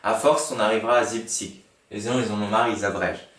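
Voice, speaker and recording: Explaining a language lesson to a class, a man spells words out letter by letter, thinking aloud and patiently repeating each word several times. His voice is fairly low, steady, a bit bright, and fairly quick. The room is echoey and he's far from the mic.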